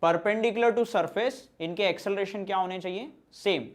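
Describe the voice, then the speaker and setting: This online lecture features a high-voiced physics teacher from central India who speaks slowly. He blends English with Hindi, reading out questions from students before responding to each.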